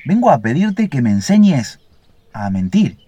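A man's voice: mid-range voice, big pitch swings, a little slow, dark tone. A man voicing a young, earnest and somewhat timid male ovenbird in a storybook fable.

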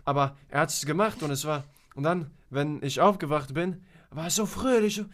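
A man's voice: a little high, moderate pace, fairly bright tone. Teen boy guest, loose rambling storyteller, keeps stalling on fillers. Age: teens. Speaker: podcast guest. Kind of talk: casual chat.

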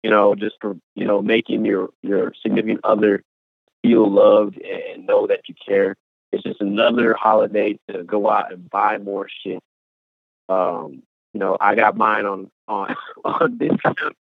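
A man co-hosting a podcast in laid-back, slangy banter, heard over a choppy, robotic-sounding remote connection with a low sample rate. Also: fairly even intonation, measured pace, gravelly, dry recording. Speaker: podcast co-host. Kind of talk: casual banter. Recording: tinny low-bandwidth internet call.

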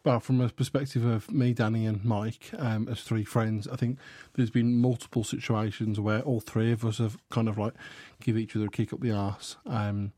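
A man with a British accent co-hosting a podcast in casual, halting, informal chat. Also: on the low side, flat delivery, mellow, no room sound. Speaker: podcast co-host.

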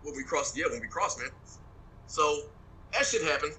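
A man in his forties with a very bright, sharp voice tells his war stories in a loose, profane, animated way and laughs often. He talks over a phone line. A faint hiss sits behind him. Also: on the high side, moderate pace. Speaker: military veteran guest. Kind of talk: casual storytelling interview.

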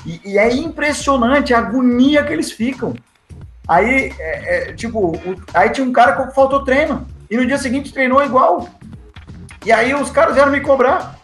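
Brazilian guy, pretty high voice, animated storyteller, roomy echo, faint music behind. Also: normal speed. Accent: Brazilian Portuguese. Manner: lively, acts out the dialogue in his stories. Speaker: guest, assistant football coach. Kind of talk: casual interview storytelling. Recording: echoey room with faint music.

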